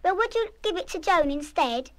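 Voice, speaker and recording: A woman's voice: extremely high pitch, animated, moderate pace, fairly bright tone. An actress playing an impulsive, good-hearted schoolgirl of about eleven in a children's radio play, with an eager, emphatic delivery. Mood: cheerful, coaxing. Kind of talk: 1970s full-cast children's radio play acting.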